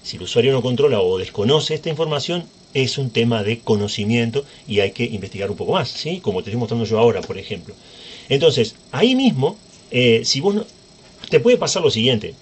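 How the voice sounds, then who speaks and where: A man presents a computer tutorial as a screen recording, sounding very animated and brisk at a medium pitch. The tone is chatty and informal, he often checks in with his audience, and a faint hiss or hum is audible.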